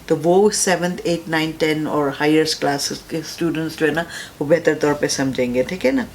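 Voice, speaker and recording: A woman's voice: low-pitched, a little hiss or hum. A woman teacher giving an explanatory talk to other teachers, often checking in with her listeners and mixing English phrases into her speech.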